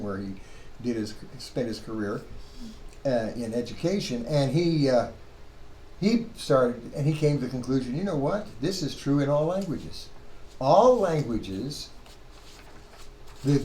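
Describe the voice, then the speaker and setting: A man with a medium-pitched, darkish voice teaches Hebrew at a seminary, chatting informally with his class. He poses questions to himself and revises his wording on the fly. There's noticeable background noise and a roomy echo.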